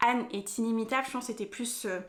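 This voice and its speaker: A woman's voice: on the high side, fairly even intonation, fast talker, fairly bright tone, roomy sound. A young woman vlogging casually about her book haul and an unboxing, rambling with lots of fillers and restarts. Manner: chatty, many fillers and restarts. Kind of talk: casual vlog chat, unboxing. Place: rural home, later in a henhouse.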